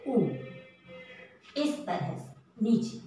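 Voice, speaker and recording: A woman teaching young children a patient lesson, asking questions and sounding out each letter slowly. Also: a little high, animated, dark tone, recorded from a distance, a little hiss or hum. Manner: patient, asks questions and answers them herself. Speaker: primary school teacher. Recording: very echoey room, voice from off-mic.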